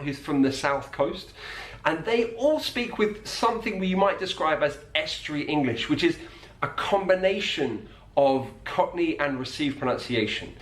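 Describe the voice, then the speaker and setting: A man coaching on accents, explaining sound by sound in a calm, methodical way. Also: a little high, reverberant.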